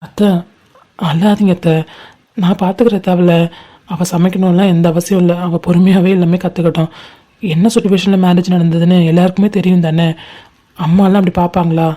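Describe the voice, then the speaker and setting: A woman voicing a caring young husband in an amateur cartoon, steady and patient. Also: on the low side, brisk, pauses often, close to an everyday voice. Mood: soothing. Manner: steady, soothing, explains patiently.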